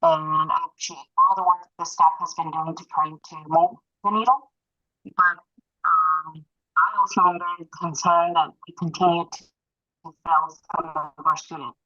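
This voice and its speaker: A woman's voice: lowish voice, fairly even intonation, moderate pace, sharp tone, no echo, dull audio. A school board trustee, a woman, speaking hesitantly with many fillers over a video call whose audio keeps breaking up. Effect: video call audio cutting out, breaking up. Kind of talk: remote remarks at a board meeting.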